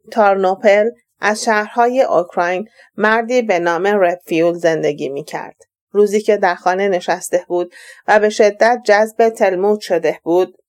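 Woman, audiobook narrator, scripted narration, steady reading, mid pitch.

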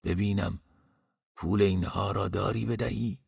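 A man voicing a loud, bullying, heavyset male innkeeper who scolds in a raised voice. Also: low-pitched, steady tone, gravelly, husky, in a large hall, full character voice. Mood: scornful.

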